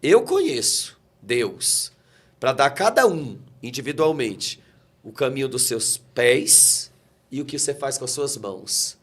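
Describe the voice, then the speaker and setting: A Brazilian guest pastor in his 40s gives an emotional testimony during a talk interview, quoting scripture with fervent, preacherly energy. His mid-range voice is very animated yet unhurried, fairly bright and slightly rough.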